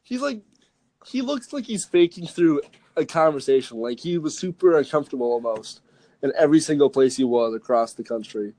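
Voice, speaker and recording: A young man with a fairly high voice chats loosely on a podcast, wandering from joke to joke and leaning on "like" constantly. His voice sounds close and dry, with no room around it. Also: expressive, fairly quick, a little mellow, no echo, poor audio. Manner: rambling, jokey, lots of "like". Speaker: podcast co-host. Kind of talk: casual chat.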